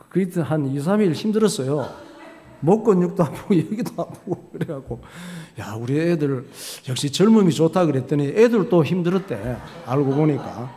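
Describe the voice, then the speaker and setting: A man preaching in a church, his fairly high voice rising and falling with lively, animated inflection. He tells stories in a homely, conversational way and answers the questions he puts to the congregation. The sound carries a long reverb from the sanctuary. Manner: folksy storytelling, asks and answers his own questions. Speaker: pastor. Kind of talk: sermon.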